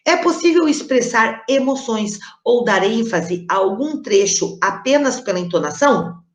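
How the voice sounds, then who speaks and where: A woman teacher with a fairly high voice explains a lesson patiently, pausing often to check that her students follow. Her voice carries a roomy echo. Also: lively intonation. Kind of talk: recorded online class explanation.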